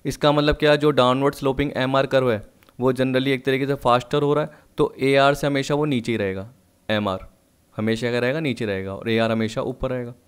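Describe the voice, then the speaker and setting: A man teaching an economics lesson, explaining step by step and slowly reading out textbook lines in English. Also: medium pitch, steady tone, clean tone. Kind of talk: recorded online lesson.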